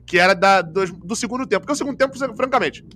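A man's voice: sits high, fast, pushed and bright, a little hiss or hum. A man hosting a casual football chat, talking at length and restarting his sentences often. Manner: talkative, explains at length with many restarts. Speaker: football podcast host.

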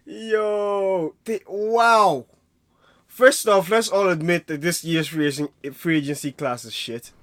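Excitable young man, casual chat. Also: on the high side, normal speed. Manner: excitable, laughs often, stammers into restarts. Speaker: podcast co-host.

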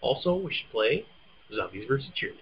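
A man's voice: medium pitch, very animated, quick pace, muffled recording, slight background noise. A man co-hosting a casual chat, playfully teasing and reading game blurbs aloud. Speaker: podcast co-host.

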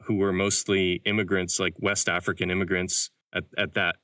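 Young guy cohost rambling on, low-ish bright voice, kinda off mic. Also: normal speed, dry recording, clean studio sound, distant mic. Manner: relaxed, rambling with many "like" fillers. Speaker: podcast co-host. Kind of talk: casual chat.

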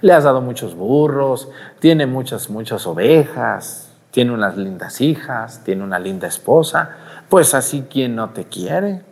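A man's voice: expressive, a little slow, darkish tone, slightly rough. A man voicing a sly, mocking male devil in a raised, taunting voice during a sermon. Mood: sneering. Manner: high, taunting and boastful. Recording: long hall reverb.

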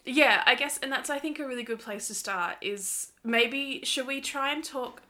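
A woman's voice: high voice, moderate pace, bright, forceful tone. A woman co-hosting a podcast, speaking earnestly and filling her sentences with "like" and "sort of". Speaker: podcast co-host. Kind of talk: casual podcast conversation.

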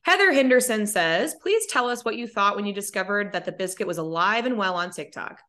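Woman, podcast host, casual chat, lively pitch, easy laugh. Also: a little fast. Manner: chatty, laughs easily, many fillers.

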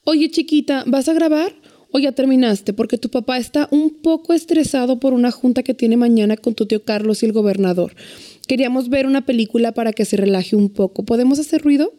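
Tender mother speaking gently. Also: a little high, brisk. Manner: tender and affectionate. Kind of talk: scripted drama acting.

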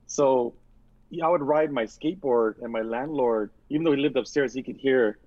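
A man from San Francisco telling animated stories in casual chat, often slipping into impressions of family and neighbors. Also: medium pitch, moderate pace, no room sound, lo-fi sound.

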